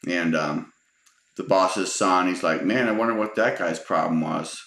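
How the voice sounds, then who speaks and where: Middle-aged man, very low voice, rambling casual storytelling, many fillers, roomy echo. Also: a little slow, creaky, a bit bright.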